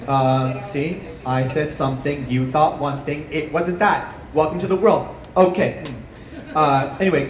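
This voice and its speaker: On a small rooftop stage outdoors, surrounded by plants, a comedian in his thirties works a handheld mic with animated energy, yelping high on his punchlines. Live audience laughter fills the background, and the distant camera picks up roomy echo and noisy surroundings.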